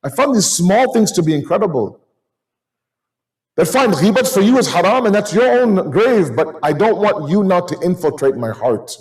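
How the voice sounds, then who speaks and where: Higher-voiced man giving a sermon. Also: big pitch swings, moderate pace, a little mellow, poor audio. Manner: conversational, storytelling, code-switches into Urdu and Arabic terms.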